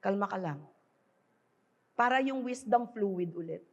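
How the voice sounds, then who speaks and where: A woman's voice: mid-range voice, lively intonation, measured pace, lo-fi sound. A middle-aged woman pastor from the Philippines gives a conversational conference sermon, mixing in English and often checking in with the crowd. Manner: conversational, switching between Tagalog and English, often asking "di ba?". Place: large conference hall. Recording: long hall reverb from a conference venue.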